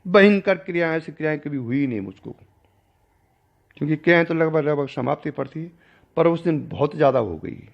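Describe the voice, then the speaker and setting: An older man, a spiritual teacher, recounting a personal story in a discourse and acting out the dialogue with changing pitch and loudness. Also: animated, brisk, creaky. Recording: dull lo-fi recording.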